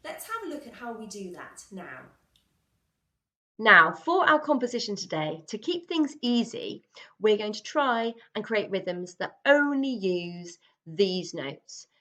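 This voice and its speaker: A woman's voice: medium pitch, big pitch swings, a little slow, a bit bright, echoey room. A woman music teacher giving a patient, encouraging recorder lesson, counting aloud and singing examples.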